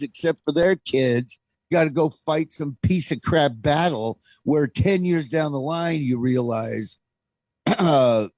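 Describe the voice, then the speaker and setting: Hosting opinionated talk radio, a middle-aged American man sounds exasperated and emphatic, piling on rhetorical questions. His voice is fairly high with a darkish tone, captured in a dry recording.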